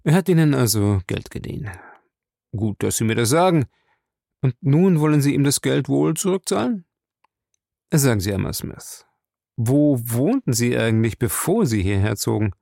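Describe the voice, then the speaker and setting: A man reading a hard-pressing police captain in a low, gravelly voice. The questions come blunt and probing, and the recording is dry and close. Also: very animated, normal speed, mellow, no echo. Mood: stern. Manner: blunt, interrogating.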